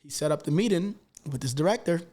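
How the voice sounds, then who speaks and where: A man talking as a podcast guest, telling a story in an animated, emphatic way and swearing freely. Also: fairly high pitch, fast. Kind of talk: casual storytelling chat.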